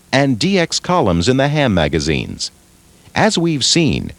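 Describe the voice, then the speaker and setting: A man reading scripted instructional narration with a clear, explanatory delivery. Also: on the low side, no room sound.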